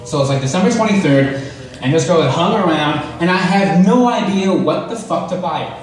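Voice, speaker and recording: A young man doing a rambling, self-deprecating, profane stand-up routine at an open mic, halting and casual as he goes. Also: on the high side, expressive. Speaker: stand-up comedian. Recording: very echoey room, distant mic, faint noise.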